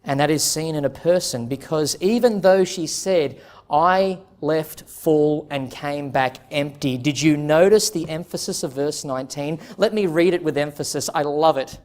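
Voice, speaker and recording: A man's voice: on the high side, moderate pace, hardly any pauses, darkish tone. A man preaching an expository sermon as a pastor, earnest and emphatic, putting direct questions to his listeners.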